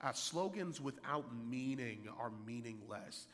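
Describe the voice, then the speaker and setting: A man in his thirties preaching a sermon as pastor, energetic, climbing louder and higher to drive points home and repeating key lines. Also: a little slow, soft background music. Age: 30s. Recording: hall reverb.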